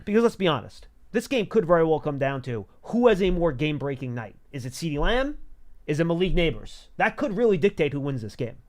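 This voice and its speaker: A man's voice: a little high, big pitch swings, fairly quick. A man hosting a sports show, giving conversational football analysis.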